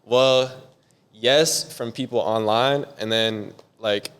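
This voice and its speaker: Laid-back young man rambling with a smooth voice. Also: mid-range voice, slow pace. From San Diego, USA. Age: young adult. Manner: relaxed, rambling, heavy on "like". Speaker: music producer guest. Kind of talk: casual interview chat.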